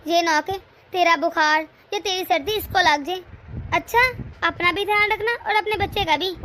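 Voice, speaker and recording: A woman's voice: extremely high pitch, steady tone, moderate pace, bright, forceful tone, slight background noise. A woman voicing a stern lecturing mother-in-law. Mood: instructing. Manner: lecturing, commanding. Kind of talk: cartoon family drama voicing.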